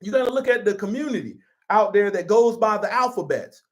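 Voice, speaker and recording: A man's voice: high-pitched, expressive, fairly quick. A man preaching a sermon in an emphatic, conversational style and repeating himself for force. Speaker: pastor.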